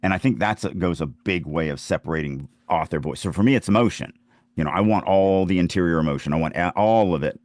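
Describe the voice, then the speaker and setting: A fantasy author and writing teacher hosts a podcast, offering informal, opinionated writing advice full of anecdotes. He talks quickly in a deep, slightly mellow voice with no echo.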